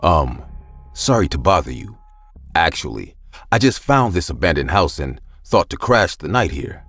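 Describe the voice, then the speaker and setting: A frail, jittery homeless man with a low, hushed way of speaking, put on by a male narrator. The voice sits deep and moves a lot in pitch. It is a figure in a spoken horror story. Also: very animated, moderate pace, full character voice. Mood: apologetic. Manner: low, quiet voice. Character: weak, nervous homeless man.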